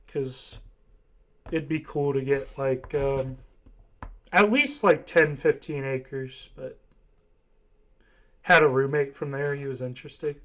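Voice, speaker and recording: A man's voice: medium pitch, fairly bright tone. A young man from Ohio in casual chat, rambling and hesitant, full of fillers. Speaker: voice chat participant.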